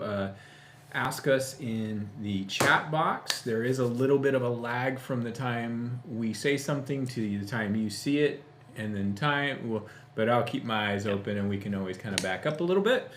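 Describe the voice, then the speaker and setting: A man's voice: medium pitch, normal speed, roomy sound, a little hiss or hum. A man co-hosting a live painting stream, chatting casually and tossing in playful jokes. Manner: joking, playful asides. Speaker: co-host.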